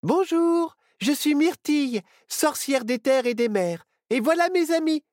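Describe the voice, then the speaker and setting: A man's voice: very high voice, animated, unhurried, a little mellow, no echo, studio quality, pitched above the performer's own voice. A man voicing a young apprentice witch girl in a children's storybook, eager and sure of herself.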